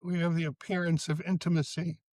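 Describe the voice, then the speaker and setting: A man guest talking thoughtfully and measuredly in a casual podcast conversation, slowing down on key points. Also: fairly high pitch, flat delivery, a little mellow, dry recording. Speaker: psychotherapist guest.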